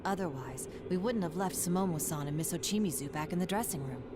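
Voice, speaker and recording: An actress playing a composed, analytical young detective in a video game, precise and formal. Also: female voice, on the low side, lively intonation, close to an everyday voice. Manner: precise, formal, measured wording. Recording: noisy background.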